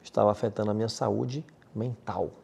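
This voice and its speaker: A man from Salvador, speaking as a podcast guest in an energetic, slangy, emphatic way. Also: fairly low pitch, a little fast, creaky, breathy edge. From Salvador, Bahia, Brazil. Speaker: guest, M&A advisor. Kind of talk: casual podcast interview.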